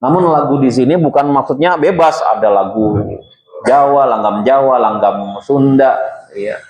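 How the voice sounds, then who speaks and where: A man's voice: medium pitch, normal speed, darkish tone, reverberant, low-quality recording. A male preacher giving a conversational sermon, often asking the audience questions and adding "ya".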